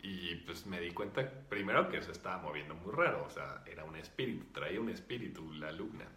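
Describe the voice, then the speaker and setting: A man, a spiritual teacher calmly explaining and answering viewer comments. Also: low-pitched, a little fast, roomy sound. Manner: calm, explanatory, with many fillers.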